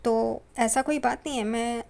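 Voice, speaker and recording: A woman voicing an excitable young male driver who talks loudly and shouts for joy. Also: on the high side, normal speed, vocal fry. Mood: coaxing.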